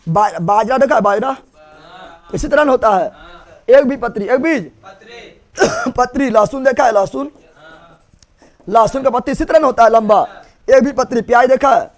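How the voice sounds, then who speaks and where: A male teacher, giving a lesson that quickly quizzes the class and keeps repeating the key terms. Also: very high-pitched. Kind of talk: classroom-style online lesson.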